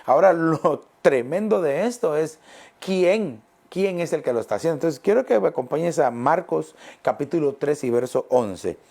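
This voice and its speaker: Middle-aged pastor guy preaching, bit high voice, repeats stuff, drags out the big words. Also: animated, gravelly, a little mellow. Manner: emphatic, repeats phrases, slows on key words. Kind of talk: sermon.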